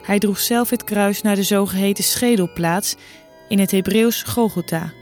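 A woman narrating a Bible passage in an even, measured way. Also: mid-range voice, faint music behind.

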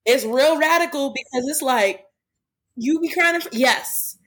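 Young woman podcast host, somewhat high voice, earnest, rambling casual delivery. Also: measured pace, a bit bright. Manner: earnest, lots of "like" fillers. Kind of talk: casual chat.

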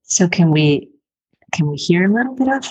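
A woman's voice: on the low side, lively intonation, moderate pace, a little mellow, breathy edge, no room sound, rough recording. A woman interviewer who rephrases her questions several times as she asks them.

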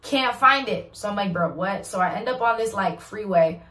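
A woman giving a casual testimony vlog, telling her story in an animated, slangy way. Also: mid-range voice, normal speed. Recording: roomy echo, distant mic.

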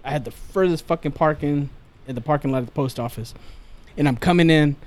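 A man's voice: on the high side, a little fast, a little mellow. A man in his forties telling stories in a casual chat, profane and laughing often. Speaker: podcast guest.

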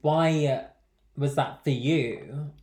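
A man's voice: fairly high pitch, extremely slow, heavy background noise. A man co-hosting a podcast, chatting casually with teasing, dry quips. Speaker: podcast co-host. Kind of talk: casual chat. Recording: roomy echo.

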